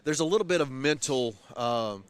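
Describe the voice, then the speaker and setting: Before a bout on fight night, a male interviewer talks in a wordy, hesitant way, full of uhs. His voice is medium-pitched, animated, and smooth, at normal speed.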